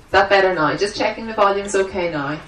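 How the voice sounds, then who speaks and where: A woman with a mid-pitched voice interprets aloud for a seminar. She delivers announcements to the room in halting, separate phrases. The microphone sits some way off, and there is faint noise in the background. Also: a bit bright, recorded from a distance, low-quality recording. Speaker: sign language interpreter voicing the signers. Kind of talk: spoken interpretation of a seminar introduction. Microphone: microphone at the front of the room.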